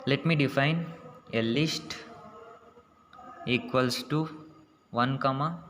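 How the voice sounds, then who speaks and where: A man's voice: mid-range voice, takes it slowly, a bit bright. A man giving a programming tutorial, dictating code aloud piece by piece as he types it. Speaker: programming instructor. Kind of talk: tutorial narrating code as it is typed. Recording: reverberant hall sound with faint noise.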